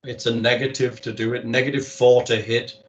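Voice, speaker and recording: Casual male game master, mid-pitched, explaining moves and rules at the table. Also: level tone, normal speed, highs cut off.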